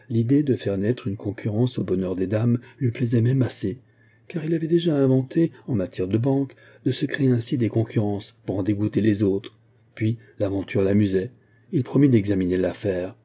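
Guy narrating an old novel, lowish mellow voice, steady. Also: husky. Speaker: audiobook narrator. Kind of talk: scripted narration of a classic novel.

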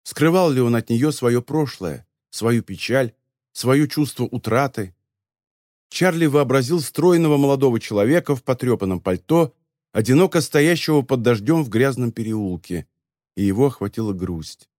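A man narrating an audiobook in a calm, measured way. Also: medium pitch, dry recording, studio quality. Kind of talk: scripted narration.

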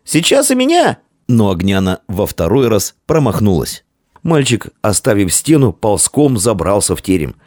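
A man narrating a children's story with expressive reading. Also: fairly low pitch, normal speed, no echo, studio quality. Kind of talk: audiobook narration.

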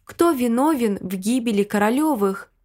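Woman doing a growly bossy werewolf prince, kinda high voice, audiobook. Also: expressive, normal speed, darkish tone. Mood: stern. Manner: growling, imperious. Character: commanding male werewolf prince.

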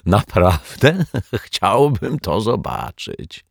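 A man voicing a calm, wry adult male detective in a children's story. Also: low voice, unhurried, vocal fry, breathy edge, no echo, studio quality, heavily acted.

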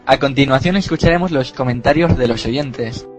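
Male host, mid-pitched, casual debate moderator, inquisitive. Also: normal speed, faint music behind. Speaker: podcast host.

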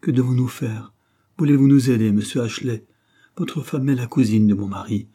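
Reading an audiobook, a man lightly acts the part of a ruined, frantic middle-aged woman begging for help. At a moderate pace, his mellow, husky voice turns shrill, hand-wringing, and insistent in her desperate pleading.

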